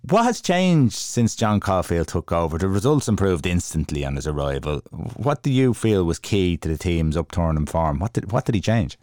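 Irish male podcast host, deep-pitched, conversational questioning, very little room sound. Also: sing-song, normal speed, hardly any pauses, a little mellow, no echo, studio quality. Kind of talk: casual chat interview.

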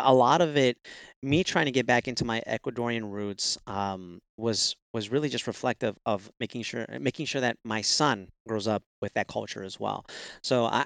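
A man talking as a podcast guest, halting and often repeating words as he restarts his phrases. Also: mid-range voice, no room sound. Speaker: podcast guest, SEO consultant. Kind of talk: casual podcast conversation.

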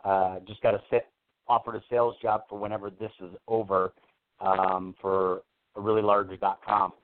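A man calling in to a radio show, chatting casually over the phone, friendly and pausing on fillers. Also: on the low side, little pitch movement. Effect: caller's voice over a phone line. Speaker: caller to a psychic radio show. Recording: tinny telephone line.

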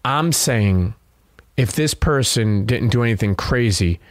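A man's voice: mid-range voice, animated, unhurried, no room sound, studio quality. A middle-aged man with a Brooklyn New York accent, telling stories candidly as an interview guest in a streetwise, profane way peppered with "you know.". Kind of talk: candid conversational storytelling.

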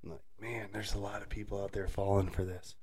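A man's voice: little pitch movement, brisk, darkish tone, breathy edge. A man co-hosting a casual chat, telling stories and often laughing as he talks. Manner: storytelling, mimics people in high voices; laughs often while talking.

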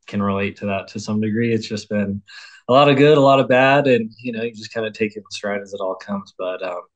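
Male interview guest, lowish pitch, easygoing and rambling with fillers. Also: fairly quick, muffled recording. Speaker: coffee roaster, podcast guest. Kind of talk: casual interview talk.

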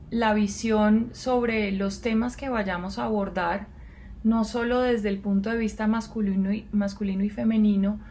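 A woman, co-hosting a podcast in a measured, reflective way. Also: mid-range voice, darkish tone, slight background noise. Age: 40s. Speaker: podcast co-host. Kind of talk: casual podcast intro.

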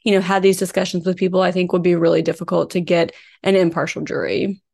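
A woman's voice: on the low side, level tone, fast talker, vocal fry, a little mellow. Woman hosting a conversational true crime podcast. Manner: conversational, informal storytelling from researched notes. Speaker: podcast co-host. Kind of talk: true crime podcast, case narration mixed with casual chat.

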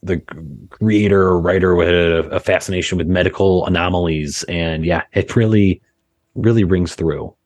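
A man as a podcast guest, chatting about a film in an animated, halting way. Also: deep voice, dry recording. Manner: animated, halting, laughs a lot. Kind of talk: casual film discussion.

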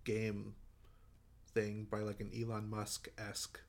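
A man's voice: lowish voice, completely flat delivery, creaky, a little mellow. Laid-back male podcast co-host. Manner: laid-back, quick agreements, chuckles. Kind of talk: casual film review chat.

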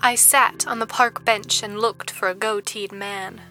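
A woman as an audiobook narrator, reading a story in a steady, even voice. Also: mid-range voice, measured pace, faint music behind. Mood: narrating.

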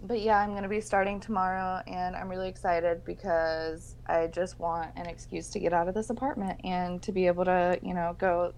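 A young woman podcast co-host with vocal fry, chatting casually and self-deprecatingly while sick, in bubbly slang. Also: lowish voice, level tone, moderate pace, hardly any pauses, darkish tone, a little hiss or hum. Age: young adult. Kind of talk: casual chat.

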